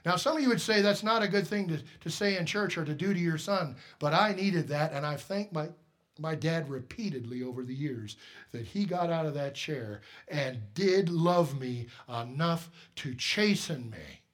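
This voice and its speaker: A middle-aged male pastor preaching a sermon, telling a personal story, shifting from quiet asides to loud, emphatic peaks. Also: on the high side, moderate pace.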